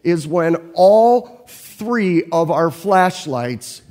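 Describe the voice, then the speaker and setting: A man's voice: high voice, animated, drawn-out words, darkish tone, in a large hall. A man preaching a sermon, telling a personal story in a conversational way and asking his listeners questions. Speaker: pastor.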